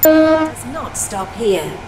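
A woman's voice: high voice, roomy sound, slight background noise, exaggerated voice. A woman doing a station platform announcement. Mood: announcing. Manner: calm, formal, measured.

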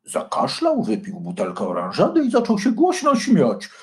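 A man voicing a calm, sensible male dragon in a children's storybook, talking in a slow, low and deliberate way. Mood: grumbling. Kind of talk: storybook character voice.

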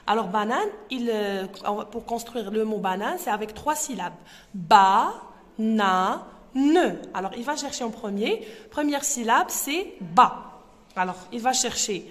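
A woman with Arabic as her native language hosts a reading tutorial for young children, hesitating with fillers and sounding out syllables slowly. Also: a little high, long reverb tail. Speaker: host and teacher.

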